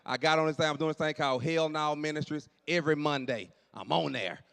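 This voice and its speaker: A man in his late forties doing animated stand-up storytelling on stage, dropping to low asides and jumping up for punchlines. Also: fast, vocal fry, clear, resonant tone. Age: 40s. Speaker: stand-up comedian. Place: church hall on stage. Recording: long hall reverb.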